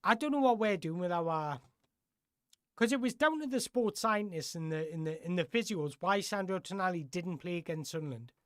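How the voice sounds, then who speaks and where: With lively intonation at a moderate pace, a football host answers viewer questions on a live stream. He rambles chattily and keeps correcting himself partway through sentences. The voice sits at middle pitch, and the recording is dry and close with no echo.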